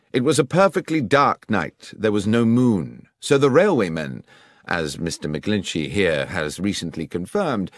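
In a dramatised audiobook, a man voices a brisk, incisive detective, precise and emphatic with a coolly sardonic edge. His pitch sits fairly low, and the studio-quality recording has no echo, with the voice pushed up.

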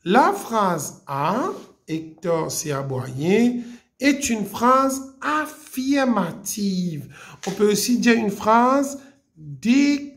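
A woman teacher explains a grammar lesson at an unhurried pace. Her voice has a gravelly edge and a lively, rising and falling pitch. She repeats key points patiently.

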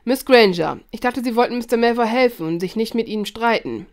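A woman's voice: a little high, fairly quick, lightly acted. A woman voicing a strict, annoyed male teacher in a fan fiction audiobook reading, scolding sharply.

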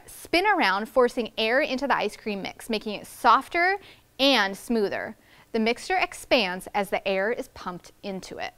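Her voice a little high and a bit bright, a first grade teacher in her thirties leads a classroom read-aloud for young children, carefully pronouncing the big words.

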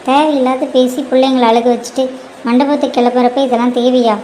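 A woman voicing a scheming, sharp-tongued stepmother in a cartoon who scolds her husband and daughters. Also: high voice, level tone, brisk, slight background noise, close to an everyday voice, low-quality recording. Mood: scolding. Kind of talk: cartoon voice acting.

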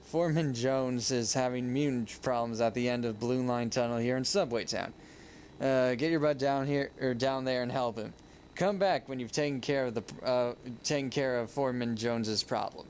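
A man's voice: medium pitch, moderate pace, a little mellow. A young man giving casual commentary on a game he is playing, rambling and often correcting himself mid-sentence. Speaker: let's play gamer. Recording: home recording with noise.

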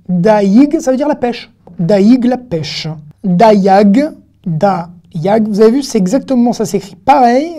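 A woman teaching an online Hebrew lesson, patiently repeating syllables slowly and clearly in a chatty way. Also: medium pitch, mellow.

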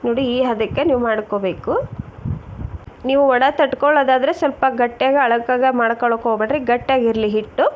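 A woman's voice: on the high side, steady tone, quick pace. A woman chatting through a home cooking demonstration and calling her viewers friends as she works. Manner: chatty, keeps calling viewers friends and urging them to look. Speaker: cooking channel host. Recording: dull lo-fi sound with faint noise.

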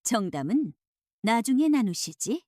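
A woman voicing a gruff, sneering male bandit chief. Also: fairly high pitch, very animated, unhurried, warm tone, dry recording, studio quality. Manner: sneering, rough.

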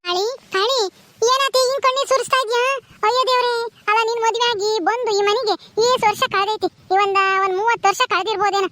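A woman's voice: very high voice, fairly even intonation, fast talker, slight background noise. A woman voicing a deaf, talkative old village grandmother who scolds and keeps asking "eh?". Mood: bewildered. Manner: loud, repeats "ha?" as if hard of hearing. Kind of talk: village comedy voice acting.

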